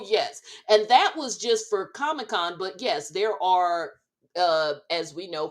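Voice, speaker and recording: A woman co-hosting a podcast, recapping reality TV in unhurried, measured casual chat with frequent fillers. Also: fairly low pitch. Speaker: podcast co-host.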